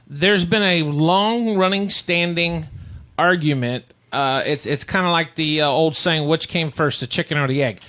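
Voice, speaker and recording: Easygoing higher-voiced male interviewer. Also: a little slow, bright, forceful tone. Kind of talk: casual interview talk.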